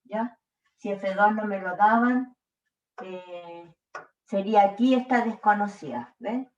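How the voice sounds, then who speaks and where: A woman teacher working through a physics problem step by step, often checking in with her students. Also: mid-range voice. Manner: slow, checks in with frequent "¿ya?". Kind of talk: explaining a worked problem. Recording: echoey room, distant dull mic.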